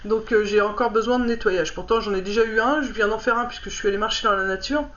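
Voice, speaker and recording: A woman's voice: medium pitch, quick pace, fairly bright tone. A woman giving a casual oracle card reading to the camera, hesitant and stumbling with many fillers as she reads. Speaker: card reader. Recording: dull lo-fi recording.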